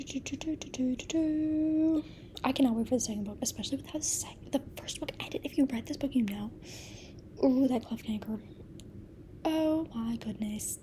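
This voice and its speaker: Slight background noise accompanies a fairly high-pitched young woman casually talking about books as a vlogger. She often half-whispers and gushes, her voice strained by a cold that's coming on.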